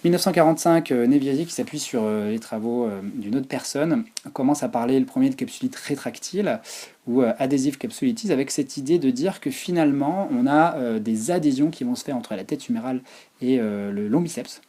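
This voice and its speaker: A man's voice: medium pitch, fairly quick, dark tone. Hesitant man giving a lecture. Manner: hesitant, many fillers and restarts. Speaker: physiotherapy lecturer. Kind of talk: live slide presentation.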